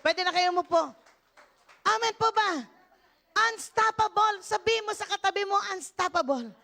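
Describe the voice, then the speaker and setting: An older woman from the Philippines preaches at a church service in a very high, bright, forceful voice. She is animated and breaks into shouted praise. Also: moderate pace. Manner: animated preaching with shouted hallelujahs and frequent laughter. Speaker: pastor. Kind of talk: sermon.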